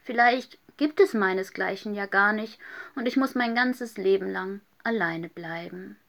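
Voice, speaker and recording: A woman's voice: mid-range voice, a little slow, creaky, fairly bright tone. A woman voicing a lonely little Easter hedgehog in a children's story, earnest and a bit plaintive.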